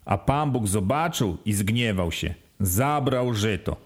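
A man reading a novel aloud in rustic dialect, lively and switching voices for the villagers. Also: lowish voice, takes it slowly. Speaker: audiobook reader.

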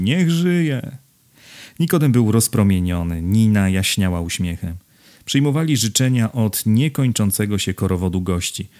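Deep-voiced man narrating a novel. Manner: measured, even literary reading. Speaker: audiobook narrator.

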